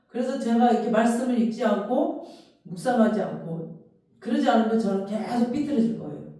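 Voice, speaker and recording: A pastor preaching a sermon in a church, telling the story with strong emotion and bursting into loud, heated outbursts. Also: mid-range voice. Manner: emotional, animated storytelling with shouted imagined outbursts. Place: church sanctuary. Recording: very echoey hall, distant mic.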